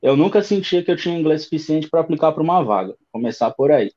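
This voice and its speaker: A man in his thirties with a São Paulo accent, telling his story as an interview guest in a relaxed, rambling way. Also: a little high, fast talker, muffled recording. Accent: São Paulo Brazilian Portuguese. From Brazil. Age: 30s. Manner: relaxed storytelling with many fillers. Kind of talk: casual interview chat.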